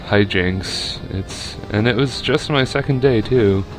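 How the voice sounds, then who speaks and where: A man's voice: on the low side, slow pace, music in the background. A young man giving casual, rambling commentary over a video game battle, with lots of fillers and restarts.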